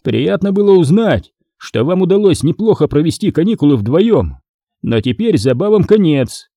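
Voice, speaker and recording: A man voicing a menacing, contemptuous gang boss in an audiobook, talking roughly. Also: on the high side, big pitch swings, moderate pace, warm tone, dry recording, clean studio sound, voice pushed up. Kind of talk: audiobook character voice.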